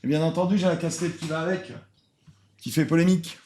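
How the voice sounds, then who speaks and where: A man hosting a casual reaction commentary, sarcastic and self-mocking, often trailing off into quiet muttered asides. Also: on the high side, steady tone, fairly quick, slight background noise. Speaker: host reacting to cooking videos.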